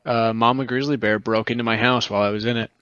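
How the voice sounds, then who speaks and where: A man's voice: medium pitch, fairly even intonation, fast talker, a bit bright, clean tone, dry recording. Young Montana man telling rambling stories. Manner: rambling, profane storyteller. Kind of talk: casual chat, storytelling. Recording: slightly dull, dry sound.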